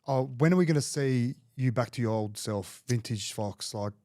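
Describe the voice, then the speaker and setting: A man with a mid-pitched voice hosts a laid-back interview. He speaks informally with plenty of slang. The recording is close, with hardly any room sound. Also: normal speed, warm tone, no echo. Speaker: podcast host. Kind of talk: casual interview.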